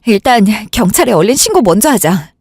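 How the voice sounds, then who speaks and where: A grieving, agitated elder sister, played by a woman in a radio drama. Her fairly high voice leaps about as she insists. The recording is close and dry. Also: big pitch swings, a little fast, a little mellow, breathy edge, no room sound, exaggerated voice. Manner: insistent, worked up, pushing to call police. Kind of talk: Korean radio drama acting.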